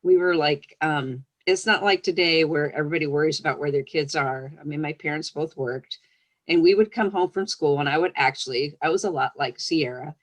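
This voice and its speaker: This author of children's books talks in a low-pitched, brisk voice as a guest on a storytime show, moving from a storybook read-aloud into relaxed interview replies.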